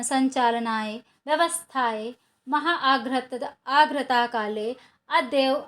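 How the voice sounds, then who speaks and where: A woman's voice: sits high, fairly bright tone. A woman teacher explaining a school lesson to children, patient, repeating and rephrasing each point.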